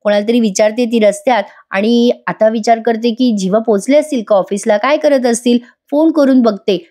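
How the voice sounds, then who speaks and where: Brief: chatty woman reviewing a serial in voice-over, with a mellow, fairly high voice. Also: normal speed. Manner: chatty, addresses viewers directly.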